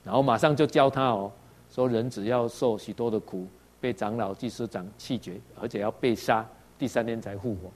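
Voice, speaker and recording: A man's voice: medium pitch, normal speed, darkish tone. A man from Taiwan with a Taiwanese Mandarin accent, preaching a sermon and often tagging lines with "ha" while asking his listeners questions. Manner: tags sentences with "ha" and asks the audience questions; acts out quoted dialogue in varied voices.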